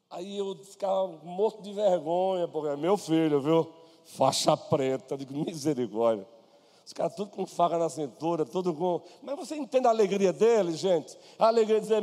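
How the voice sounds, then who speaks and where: Brazilian male pastor, high mellow voice, conversational sermon in an echoing church hall. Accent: Brazilian Portuguese. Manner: conversational preaching, addresses listeners by name. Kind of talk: sermon with personal stories. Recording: long hall reverb.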